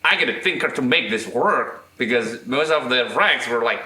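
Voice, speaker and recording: A man from Indonesia with an Indonesian accent, chatting as an interview guest, with halting restarts and tag questions. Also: mid-range voice, expressive, sharp tone, roomy sound. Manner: halting, frequent "right?" tags and restarts. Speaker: guest guitarist and electronics restorer. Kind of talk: casual interview chat.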